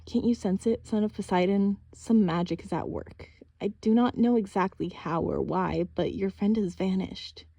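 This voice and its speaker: A woman reading an audiobook, voicing a calm, commanding young goddess huntress who speaks in a formal, measured way. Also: medium pitch, vocal fry, breathy edge, no room sound. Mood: gentle grave.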